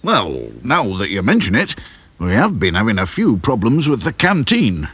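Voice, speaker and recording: A man voicing a wary middle-aged male factory boss who speaks hesitantly and haltingly. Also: lowish voice, huge pitch swings, fairly bright tone, heavily acted. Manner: hesitant, clears throat, halting.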